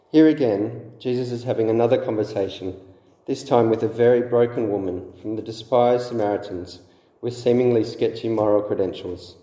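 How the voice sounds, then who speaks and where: A man preaching a sermon, explaining a scripture passage in a measured way with occasional restarts. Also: lowish voice, dark tone. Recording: echoey hall with long reverb.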